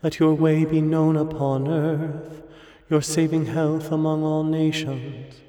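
A man leading morning prayer, reciting and partly chanting the liturgy in a slow, measured way, his voice carried by a cathedral echo. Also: a little high, flat delivery, mellow. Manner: measured, intoning responses and prayers. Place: large reverberant church. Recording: long hall reverb with faint music.

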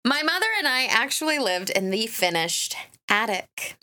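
A woman's voice: on the high side, lively intonation, normal speed, sharp tone. A woman co-hosting a podcast, reading listener ghost stories aloud in a casual, laughing, foul-mouthed way. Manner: laughs often, swears freely. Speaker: podcast co-host.

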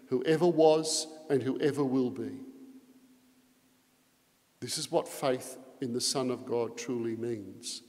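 A man's voice: mid-range voice, a little mellow. A man serving as priest reads the gospel and then preaches a homily with earnest emphasis, his voice carried by a cathedral echo. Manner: earnest preaching with strong emphasis on key phrases. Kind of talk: Mass gospel reading and homily. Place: large church. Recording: long echoing reverb of a large church.

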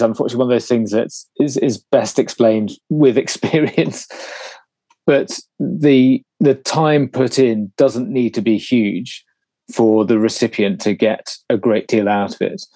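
A man from Britain, a guest trainer, talking in a thoughtful, halting way with frequent restarts on a podcast. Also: mid-range voice, warm tone, no room sound. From United Kingdom. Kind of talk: casual podcast discussion. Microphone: podcast microphone.

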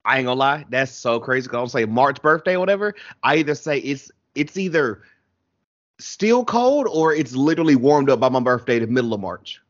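A man's voice: medium pitch, fairly quick. A man chatting casually about sports, slangy and full of laughs. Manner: slangy, laughs often, says bro and literally. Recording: lo-fi dull sound.

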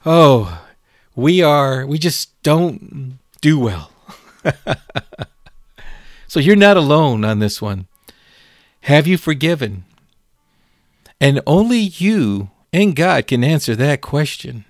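A man preaching a sermon, slow and deliberate, asking his listeners question after question. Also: fairly high pitch, sing-song, dry recording, studio quality.

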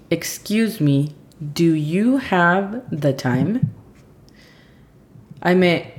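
A woman's voice: on the low side, darkish tone. A woman hosting a scripted language lesson as the teacher, speaking patiently and spelling words out letter by letter. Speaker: English teacher and podcast host.

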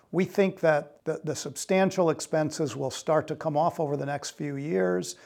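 Creaky, higher-pitched older man being interviewed. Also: darkish tone. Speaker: investment firm founder, podcast guest. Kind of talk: conversational interview answer.

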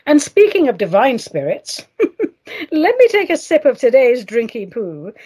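A woman's voice: high voice, sing-song, measured pace, warm tone, slightly rough. A woman hosting a solo show in a playful, theatrical way, addressing listeners fondly. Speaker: show host.

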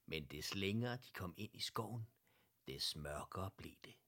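A man reading a children's story aloud, gently and slowly, sometimes dropping to a whisper. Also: low-pitched, lively intonation. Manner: gentle, slow, slips into whispers.

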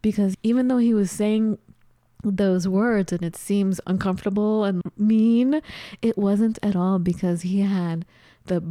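A woman's voice: medium pitch, fairly even intonation, a little slow, warm tone, dry recording, clean studio sound. A woman co-hosting a casual talk show, telling stories with lots of animation and frequent laughter. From studied in England. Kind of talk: casual storytelling chat.

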